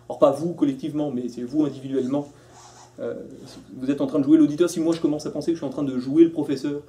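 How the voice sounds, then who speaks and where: A man gives a philosophy lecture to a live class, in a loose, conversational way. His voice sits a bit high but sounds very mellow and warm. He keeps restarting sentences and acting out short quoted exchanges. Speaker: philosophy teacher.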